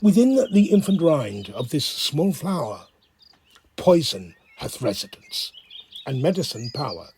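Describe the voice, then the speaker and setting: A man acting a contemplative friar and herbalist in a Shakespearean audio drama, measured and reflective in his verse, recorded at home on a phone. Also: on the high side, sing-song, a little mellow, a little hiss or hum. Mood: musing.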